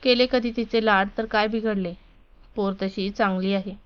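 A woman voicing a caring, gentle middle-aged mother-in-law in a story reading. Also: medium pitch, steady tone, moderate pace, smooth, lightly acted. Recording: dull lo-fi recording.

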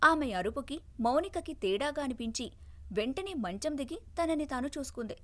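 At a moderate pace and in a slightly high voice, a woman narrates a family tale. Her delivery is expressive like a storybook reading, yet scripted and steady.

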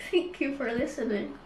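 A young woman in a tearful, snotty crying state, talking haltingly and subdued in a confessional vlog. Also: medium pitch, creaky, darkish tone, reverberant, slight background noise, rough recording. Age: young adult. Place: small room indoors, close camera.

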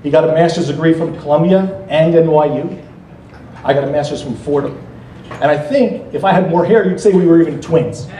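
A middle-aged American man giving a formal introductory speech at a gala, measured and earnest with occasional light jokes. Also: a little high, dark tone, a little hiss or hum. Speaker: speaker introducing the keynote at a political gala. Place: banquet hall stage at a podium. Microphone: podium microphone, filmed from across the room. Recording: echoey hall from far off.

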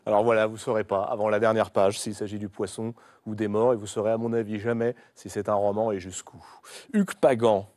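A man hosting a televised book show, asking measured questions and reading passages aloud. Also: fairly low pitch, level tone, darkish tone, no room sound, studio quality. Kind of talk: studio interview. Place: TV studio.

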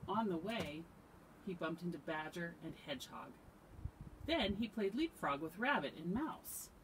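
A woman reading a picture book aloud to camera, expressive with dramatic pauses. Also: lowish voice, background noise. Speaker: storyteller.

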